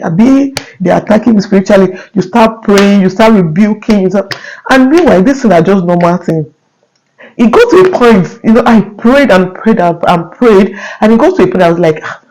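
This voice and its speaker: A man's voice: high voice, darkish tone, low-quality recording. A young Nigerian man with a Nigerian accent, talking earnestly to his viewers in a casual vlog, often checking in with "right?" and restarting his sentences. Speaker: vlogger. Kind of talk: casual talk to camera.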